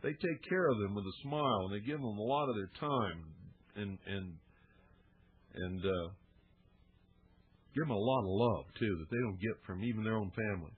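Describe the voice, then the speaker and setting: Husky man on narrow radio audio. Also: lowish voice, normal speed, long pauses. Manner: earnest, heartfelt appeal with folksy fillers. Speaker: radio host. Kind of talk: radio talk.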